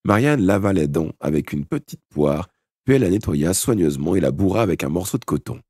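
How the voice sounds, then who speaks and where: A man's voice: low-pitched, animated, fairly quick, darkish tone, husky, dry recording, studio quality. A man narrating a children's audiobook, reading it aloud with expression. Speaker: audiobook reader. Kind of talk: storybook narration from a live stream.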